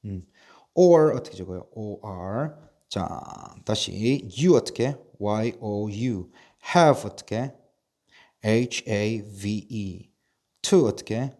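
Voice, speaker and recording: A man's voice: on the low side, expressive, drawn-out words, darkish tone. A man teaching an online English spelling lesson, asking how each word is written and then spelling it out letter by letter. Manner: drills spelling, spelling words out letter by letter; asks and answers his own questions. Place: recording a video lesson.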